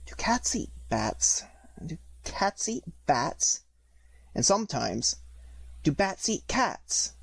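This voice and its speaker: A man's voice: fairly high pitch, big pitch swings, slow, creaky, a bit bright, breathy edge, no room sound, exaggerated voice. Man voicing Alice, a dreamy, curious little girl. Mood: drowsy, musing. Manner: musing to herself, earnest. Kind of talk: audiobook character reading.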